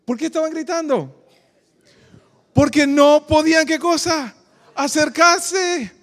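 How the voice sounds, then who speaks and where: High-voiced pastor, hall reverb. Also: male voice, takes it slowly, fairly bright tone. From Dominican Republic. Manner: preacherly, asks the congregation questions, calls them "queridos". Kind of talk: sermon.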